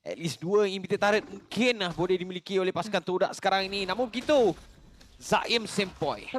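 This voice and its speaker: A man's voice: high-pitched, brisk. A man with a Malaysian accent giving live analytical esports commentary in wordy, explanatory sentences.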